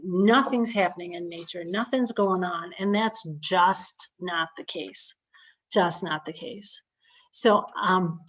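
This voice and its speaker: A woman's voice: fairly high pitch, low-quality recording. A woman naturalist giving a conversational online lecture over a video call, with frequent fillers and restarts. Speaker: naturalist presenter.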